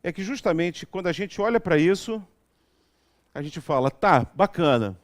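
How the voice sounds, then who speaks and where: A man's voice: sits high, lively intonation, moderate pace. A man giving a conversational spiritual talk at a spiritist center, telling everyday stories and often checking in with his listeners. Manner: chatty, storytelling, frequent asides asking the audience.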